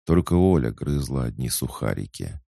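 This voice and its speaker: A man narrating an audiobook in a steady, even storytelling manner. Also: rumbling low, moderate pace, creaky, no echo, studio quality.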